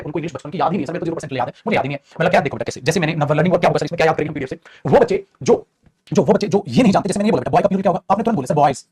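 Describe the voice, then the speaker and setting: A man teaching a live online grammar class at a rapid clip. His voice is husky and sits a little high, and he rattles through repeated points while calling his students "beta". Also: darkish tone. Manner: fast, repetitive, calls students beta.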